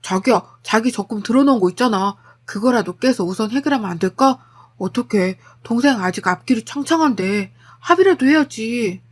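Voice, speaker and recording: A meek, wheedling young husband, voiced by a woman storyteller in her own fairly high register. He coaxes and begs softly and apologetically. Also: animated, a little fast. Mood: coaxing. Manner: coaxing, apologetic. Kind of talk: storytelling with acted dialogue.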